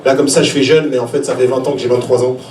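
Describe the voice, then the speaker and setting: Performing stand-up at a small comedy venue's indoor open stage, this man in his forties from Switzerland is animated and exclamatory, playing out little scenes and reactions and addressing the audience directly. His medium-pitched voice moves at a quick pace against a noisy background, in an echoey room with a distant mic.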